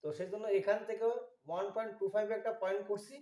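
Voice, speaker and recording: A man giving a slow, methodical drawing tutorial, walking through each step. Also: high voice, level tone, dark tone, reverberant. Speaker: drawing instructor.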